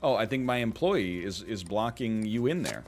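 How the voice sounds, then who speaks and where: Soft background music accompanies a Canadian gaming streamer whose fairly low, slightly mellow voice is expressive and moderately paced. He rambles goofily through casual commentary on a management game, with playful exclamations.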